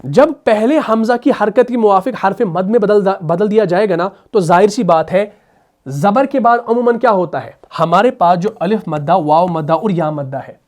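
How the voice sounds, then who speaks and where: Male recitation teacher, lesson delivery, answers his own questions, drills sounds slowly. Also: high-pitched, darkish tone. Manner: asks rhetorical questions and answers them; drills sounds by slow repetition. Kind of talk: explanatory tajweed lesson.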